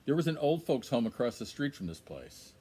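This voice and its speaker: A man's voice: medium pitch, very animated, brisk, mellow, slightly rough. An older man interviewing a guest, telling long rambling stories full of fillers and hesitations. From Minnesota. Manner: rambling storyteller, many fillers. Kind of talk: casual interview.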